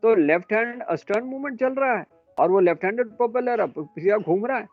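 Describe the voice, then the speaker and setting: A man lecturing students in a classroom, brisk and a little scolding as he quizzes them. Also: sits high, expressive, dry recording, phone-quality sound, soft background music. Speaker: instructor.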